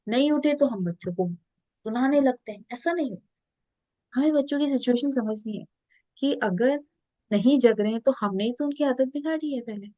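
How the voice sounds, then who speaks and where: A woman's voice: high-pitched, warm tone, no echo. Earnest woman coach, muffled dry sound. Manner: earnest, mixes English phrases into her talk. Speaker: spiritual coach and guest. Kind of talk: podcast interview, storytelling.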